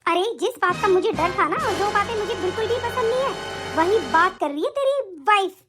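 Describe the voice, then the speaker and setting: A woman voicing a harsh, bossy middle-aged mother-in-law who taunts and scolds in an animated story. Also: extremely high pitch, brisk, over music. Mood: scornful.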